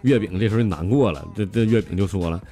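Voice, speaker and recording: A male comedian with a Northeastern Mandarin accent tells jokes in a slangy, animated way, stammering through quick restarts. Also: fairly low pitch, faint music behind. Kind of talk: stand-up joke telling.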